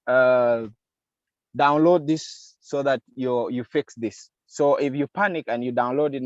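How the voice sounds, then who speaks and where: A man delivers a video-call class on digital security in a voice of ordinary pitch. He explains at length, fills pauses with "uh," and briefly plays the scammer's lines. The sound is dull and lo-fi, dry, with little room around it. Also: dry recording. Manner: explanatory, acts out scammer lines, frequent fillers. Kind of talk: online masterclass lecture.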